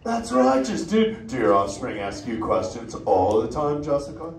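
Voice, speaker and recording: Heard from far off in an echoey indoor theater amid crowd noise, a man voices a laid-back surfer-dude male sea turtle in a live, interactive theme park show. His medium-pitched voice is sing-song with vocal fry at normal speed, full of easygoing surfer slang and stoked energy.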